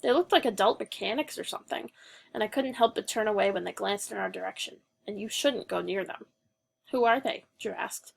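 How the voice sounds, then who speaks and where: A woman reading a children's novel aloud as the narrator, with brisk first-person storytelling and dialogue read without character voices. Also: on the high side, vocal fry. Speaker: audiobook narrator.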